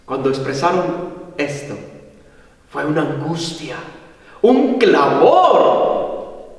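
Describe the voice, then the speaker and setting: A man's voice: on the high side, sing-song, extremely slow. A man preaching a sermon as pastor, emphatic and full of rhetorical questions. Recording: echoey hall, mic far off.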